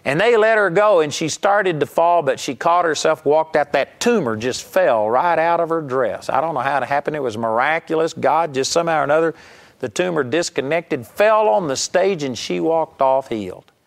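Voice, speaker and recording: A man's voice: a little high, expressive, normal speed, gravelly. A middle-aged man preaching a sermon, telling stories emphatically and acting out raised voices. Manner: emphatic storytelling preaching, acting out quoted shouts.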